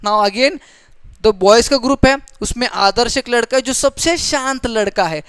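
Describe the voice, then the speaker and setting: A woman teaches a grammar lesson with a smooth, clear voice. She goes patiently, repeats key points and keeps checking that her listeners follow. The sound is dry and close. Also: fairly high pitch, a little slow, no room sound. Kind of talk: grammar lesson mixing Hindi and English.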